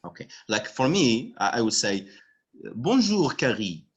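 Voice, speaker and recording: A man from Morocco with a Moroccan accent tutoring French over a video call, patiently repeating words slowly. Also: medium pitch, very animated, husky, lo-fi sound. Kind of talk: online one-on-one language lesson.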